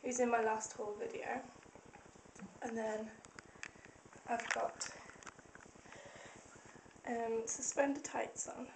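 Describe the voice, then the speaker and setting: A young adult woman with a croaky, slightly hoarse voice, chatting casually in an outfit vlog. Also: on the high side, flat delivery, takes it slowly, pauses often, distant mic. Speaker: fashion vlogger. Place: small indoor rooms at home, bathroom. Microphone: handheld compact camera, close. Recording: echoey room with background noise.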